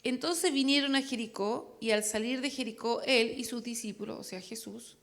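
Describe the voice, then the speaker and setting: A woman's voice: a little high, moderate pace, vocal fry, fairly bright tone. A woman preaching a sermon, chatty and joking with the congregation.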